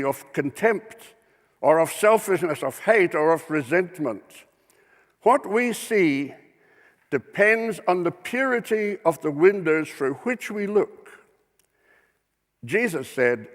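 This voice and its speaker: A male minister preaching a sermon in church, measured and deliberate, with dramatic rhetorical questions. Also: a little high, a bit bright, long reverb tail.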